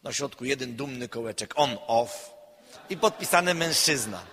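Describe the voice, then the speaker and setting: A man, a counselor, giving a public lecture in an emphatic way, swinging between loud and quiet. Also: mid-range voice, lively intonation, moderate pace, slight background noise. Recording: long hall reverb.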